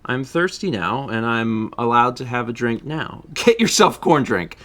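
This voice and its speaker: A man's voice: mid-range voice, very animated, unhurried, a bit bright. A man chatting casually on his livestream, laughing often and reading out viewer donations. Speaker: streamer.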